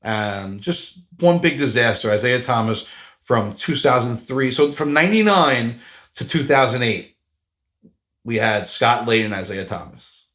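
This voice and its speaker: This man in his forties hosts a casual solo podcast, speaking a little slowly in a mid-range, fairly bright voice with lively intonation. He wanders off topic, puts himself down, and fills his talk with fillers and restarts.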